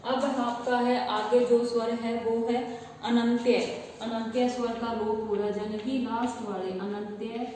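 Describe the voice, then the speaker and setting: A woman teaching a classroom lecture, asking and answering her own questions and repeating terms slowly as she writes on the board. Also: fairly high pitch, flat delivery, mellow, a little hiss or hum. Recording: echoey classroom from far off, faint ambience.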